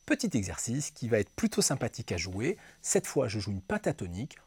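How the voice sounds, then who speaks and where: A man's voice: medium pitch, big pitch swings, brisk. A man giving a guitar lesson, explaining exercises and counting beats aloud as he demonstrates them. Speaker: guitar teacher. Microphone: close mic aimed at him. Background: clean electric guitar playing.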